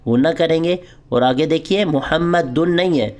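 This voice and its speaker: Clear-voiced male recitation teacher, slightly high. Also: a little mellow. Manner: explains slowly, then recites drawn-out model lines for repetition. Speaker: Quran and prayer recitation teacher. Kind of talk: online recitation lesson. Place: indoors, online lesson.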